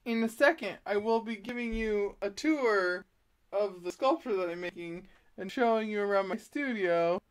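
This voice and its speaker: Streaming live from her art studio, a woman chats casually in a mid-range voice at a moderate pace, laughing often. She's self-deprecating and giggly, fumbling with her tech setup of a laptop, a DSLR and a chest-mounted webcam.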